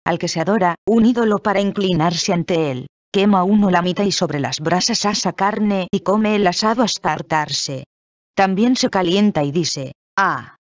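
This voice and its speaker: A reader giving a measured, solemn scripted reading of a Bible passage. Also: medium pitch, no echo, highs cut off.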